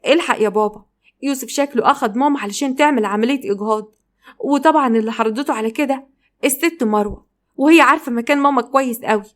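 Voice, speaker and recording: A woman with an Egyptian Arabic accent voicing an angry young woman who loudly accuses her sister-in-law. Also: high-pitched, fast, pitched above the performer's own voice, lightly acted.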